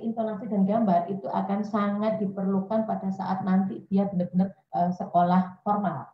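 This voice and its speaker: A woman gives a parenting talk in a chatty, lively way, often slipping into the voices of the parents and children she quotes. Her voice sits at a middle pitch. The audio is dull and lo-fi, with an echoey room around her. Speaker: parenting webinar speaker. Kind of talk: informal parenting talk to mothers.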